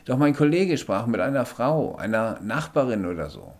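A man voicing a brisk, sarcastic male paramedic who is proud of his work, in a read-aloud story. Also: medium pitch, big pitch swings, darkish tone, voice pushed up. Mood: matter-of-fact. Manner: sarcastic, matter-of-fact. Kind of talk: audiobook character voice.

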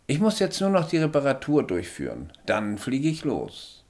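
A man's voice: medium pitch, wildly swooping pitch, normal speed, a little mellow, voice pushed up. A man voicing a small male alien in an audiobook, speaking in a terse, factual, lecturing way. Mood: curt. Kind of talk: audiobook character voice.

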